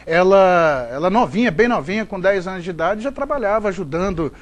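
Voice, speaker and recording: In a muffled recording, a middle-aged man from Goiás with that region's Brazilian Portuguese accent talks expressively and fairly quickly in a high voice. He's a sports broadcaster answering interview questions in a chatty, rambling way, with frequent fillers and restarts.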